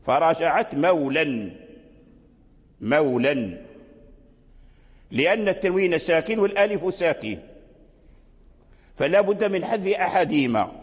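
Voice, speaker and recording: Older sheikh lecturing in an echoing hall. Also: male voice, a little high. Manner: explains slowly with repetition, chants Quranic examples. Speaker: Quran recitation teacher. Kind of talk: classroom lecture on Quranic readings. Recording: long hall reverb.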